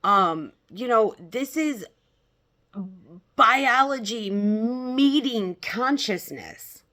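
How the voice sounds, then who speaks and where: A woman talking casually as a self-help influencer, blunt and emphatic, haltingly checking in with her listeners. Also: on the high side, lively intonation, pushed and bright.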